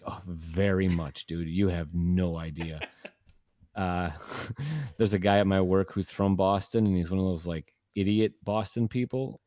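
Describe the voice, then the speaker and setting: A man's voice: low-pitched, a little slow, dark tone, dry recording, clean studio sound. A man co-hosting a casual podcast, laid back and laughing as he tells stories. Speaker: podcast co-host.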